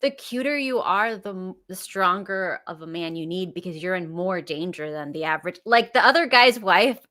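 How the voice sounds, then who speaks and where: A woman's voice: on the low side, expressive, normal speed, bright, forceful tone. A woman co-hosting a podcast, talking in a teasing, sarcastic way. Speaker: podcast co-host. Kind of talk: casual podcast chat.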